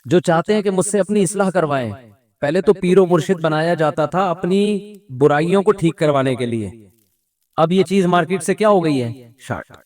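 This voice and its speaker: A man's voice: high voice, darkish tone. A middle-aged man with a Pakistani Urdu accent giving an Islamic sermon in a conversational way, briefly acting out the people he quotes. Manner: conversational, acts out quoted voices. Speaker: religious preacher.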